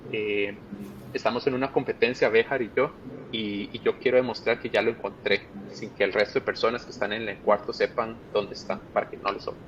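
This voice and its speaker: A man with a Costa Rican accent, a project manager being interviewed, who explains ideas step by step with plain examples. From Costa Rica. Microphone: video call. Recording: muffled call audio with faint rumble.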